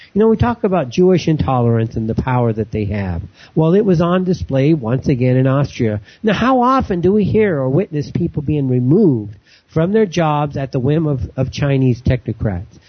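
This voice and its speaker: A man's voice: on the high side, slightly rough, lo-fi sound. A man hosting a talk radio show, talking in a rambling monologue with many restarts and fillers, from a room indoors.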